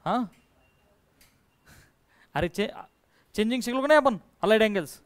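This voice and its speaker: Man teaching math, high clear voice, coaxing, quizzes the class, close dry sound. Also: lively intonation, unhurried, dry recording. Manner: coaxing, quizzes students, calls them dear; mixes English terms into his speech. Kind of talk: classroom lesson, call-and-response.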